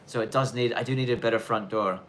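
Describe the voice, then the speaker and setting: With a medium-pitched, steady and slightly bright voice, plus a faint hiss or hum, an Australian man in his thirties chats casually as he takes viewer questions on a live stream. His accent combines Australian and London speech with a touch of Irish twang. Though he rambles and frequently starts sentences over to correct himself, he speaks with deliberate clarity.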